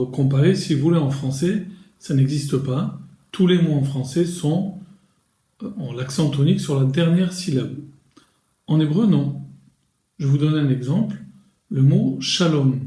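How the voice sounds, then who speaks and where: Man teaching slowly in an echoey room. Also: a little high, warm tone. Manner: slow, deliberate explanation with pauses and restarts. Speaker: Hebrew grammar teacher. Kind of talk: recorded lesson.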